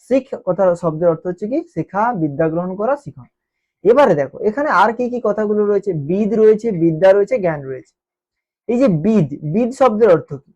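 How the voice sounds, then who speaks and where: Mellow woman teaching. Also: mid-range voice, animated, quick pace. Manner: repeats key terms and keeps asking "ঠিক আছে?". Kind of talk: exam-prep lesson explanation. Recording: dull lo-fi recording.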